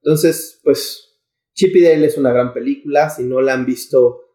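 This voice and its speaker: A man's voice: medium pitch, normal speed, dark tone. A man with a Mexican accent hosting a casual comedy podcast, bantering in slangy, profane, irreverent laddish style. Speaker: podcast host. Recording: echoey room.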